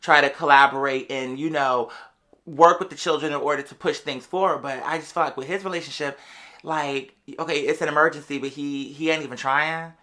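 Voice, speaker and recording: The speaker, a podcast or live show host, tells her audience a personal tale in a relaxed, spirited, sassy manner. Her voice sits in the mid range, with heavy slang, stretched-out emphatic words, and frequent "girl."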